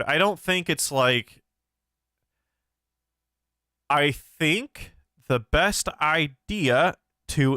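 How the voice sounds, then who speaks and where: In a clean, dry studio recording, a young philosophy livestream host answers questions from chat, casual and thoughtful but full of fillers and restarts. His mid-range voice has a sharp edge and a clear, resonant tone, somewhat nasal.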